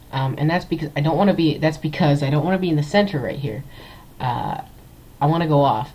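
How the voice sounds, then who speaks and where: A man's voice: fairly high pitch, darkish tone, low-quality recording. Rambling young man narrating gameplay. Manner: rambling, filler-heavy, restarts sentences. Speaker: gameplay video host. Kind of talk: casual let's-play commentary.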